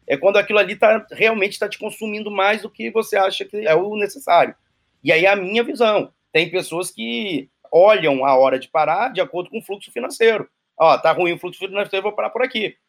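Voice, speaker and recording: A man from Brazil, a guest entrepreneur, explaining his views in a thoughtful, measured way. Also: high-pitched, creaky. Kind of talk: casual conversational interview. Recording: faint music underneath.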